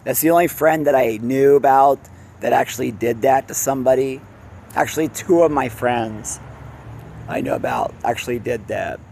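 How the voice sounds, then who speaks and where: His voice is gravelly and darkish, medium in pitch, moving at a moderate pace as he casually reads from a fantasy novel. Stumbles and self-corrections are frequent, as are laughing breaks and rambling personal tangents, with slight background noise behind him.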